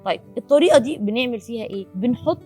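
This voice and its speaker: A woman's voice: on the high side, lively intonation, very fast, dark tone. A young woman with an Egyptian accent giving students motivational study advice, mixing English words into her Arabic and repeating key points. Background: faint music.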